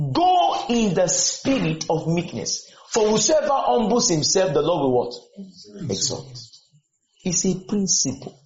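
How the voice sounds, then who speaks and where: This high, somewhat mellow male voice belongs to a preacher addressing students, questioning and urging them on while repeating lines, call-and-response fashion. The sound is dull and lo-fi, with room echo.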